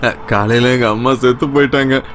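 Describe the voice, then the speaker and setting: A man's voice: medium pitch, steady tone, a little fast, a bit bright, a little hiss or hum, lightly acted. An actor playing a grieving young male quarry worker, with pleading, tearful, rustic speech in dubbed film dialogue. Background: film score music.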